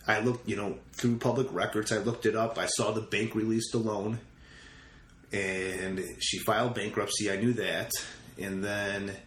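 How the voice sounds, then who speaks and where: In a relaxed storytelling interview, a real estate investor guest tells anecdotes and quotes lines from conversations he's had. His voice is fairly low in pitch with a fairly bright tone. Roomy echo and faint background noise fill the recording.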